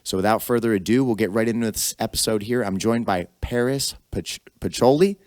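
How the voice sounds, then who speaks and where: A man hosting a podcast, reading a sponsor shout-out and introducing his guest with upbeat enthusiasm. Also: lowish voice, a little fast, no room sound, studio quality. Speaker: podcast host.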